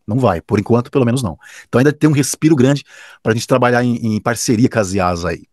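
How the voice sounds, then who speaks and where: A man's voice: medium pitch, fast, darkish tone, no room sound, studio quality. A man with a Brazilian accent, a professional announcer, answering interview questions with enthusiasm and emphasis, often restarting his sentences. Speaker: professional announcer and radio director.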